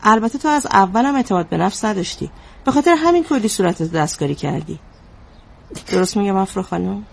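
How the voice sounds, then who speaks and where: An actress playing a female therapist who asks calm, probing questions. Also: medium pitch, vocal fry. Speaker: psychologist. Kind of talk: drama dialogue.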